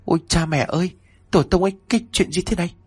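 A man's voice: sits low, sing-song, fairly quick, dry recording. A man voicing a cocky, boastful drunk young village man in a horror story. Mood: panicked.

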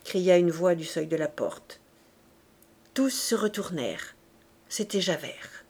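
A woman reading a classic novel aloud as an audiobook narrator, clear and measured. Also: lowish voice, lively intonation, a little mellow. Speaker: audiobook reader.

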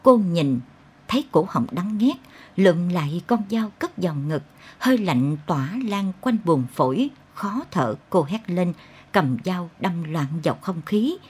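A woman narrating a dark literary story in an intense, expressive way. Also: fairly low pitch, measured pace, slightly rough. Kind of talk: dramatic audiobook narration.

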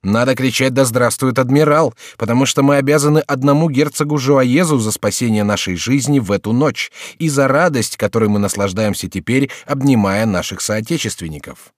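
A man's voice: medium pitch, fairly quick, few pauses, no room sound, studio quality, pitched above the performer's own voice, lightly acted. A man reading the part of a Huguenot officer rousing the soldiers, in an audiobook. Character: grateful male Huguenot officer addressing troops.

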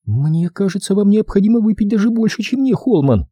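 A man putting on a sharp-tongued young woman. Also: high-pitched, very animated, fairly quick, husky, dry recording, pitched above the performer's own voice, heavily acted. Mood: impatient. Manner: scolding, impatient, theatrical. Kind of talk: audiobook reading.

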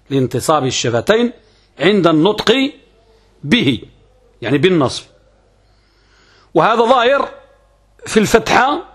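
Moroccan guy teaching grammar class, kinda husky, repeats the key words. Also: fairly high pitch, a bit bright. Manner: asks and answers his own questions, repeats key terms. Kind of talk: classroom lesson.

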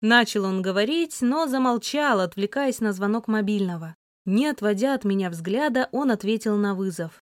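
A woman narrating a first-person novel as an audiobook, lively and voicing the heroine's sharp retorts. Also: medium pitch, normal speed, no echo, studio quality.

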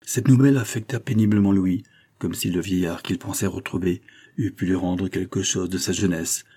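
A man narrates a classic novel in a measured, even storytelling manner. His voice sits low, with a dark, mellow, husky tone. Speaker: audiobook reader.

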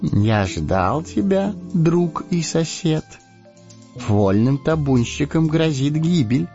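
A man voicing a cunning, persuasive old male wizard who speaks in a slow, coaxing, ingratiating way. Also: on the high side, big pitch swings, mellow, heavily acted. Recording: dull lo-fi audiobook with faint music.

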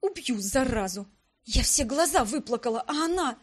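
A woman's voice: sits high, expressive, normal speed, slightly rough. A woman voicing an emotional, tearful young noble lady, the heroine's best friend, in an audiobook. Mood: hissing. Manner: exclaiming, tearful.

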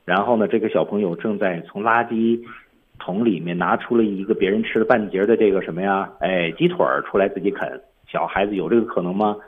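A man's voice: fairly low pitch, fairly quick, husky, narrow, tinny audio. A man teaching English on a radio lesson, explaining film lines step by step.

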